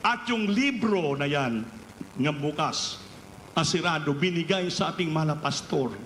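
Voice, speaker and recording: A male preacher with a fairly high voice tells a story from the pulpit, and his voice climbs at the peaks. The sound rings through a large church hall with a long reverb. A faint hiss runs underneath. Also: unhurried. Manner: animated storytelling, rising pitch at climaxes. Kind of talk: storytelling sermon. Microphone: live webcast of service.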